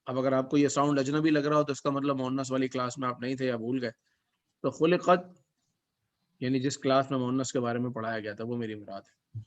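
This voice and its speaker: A man teaching Quranic Arabic as a class lesson, reciting verses slowly and then explaining them word by word. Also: medium pitch, fairly even intonation. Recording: dull lo-fi recording.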